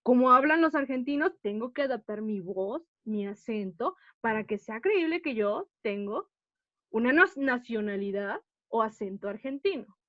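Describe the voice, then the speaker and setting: Woman, acting teacher, slightly high voice, dull dry lo-fi sound. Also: expressive, normal speed, fairly bright tone, no echo. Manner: explanatory, checks in with students often. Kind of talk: online class lecture.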